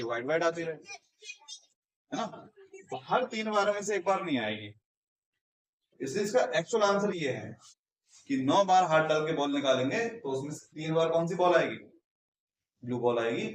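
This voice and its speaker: A male math teacher giving a Hindi-English classroom lesson, explaining step by step and asking and answering his own questions. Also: a little high. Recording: echoey room, mic at a distance.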